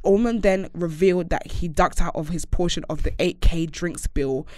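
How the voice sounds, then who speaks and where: A woman's voice: on the low side, normal speed, darkish tone, no echo, studio quality. Young London woman, slangy and emphatic. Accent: London, urban street slang. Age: young adult. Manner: emphatic, slangy, repeats phrases for effect. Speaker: podcast host. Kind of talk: animated casual chat about hot topics. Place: small podcast studio, indoors. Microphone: close studio desk microphone.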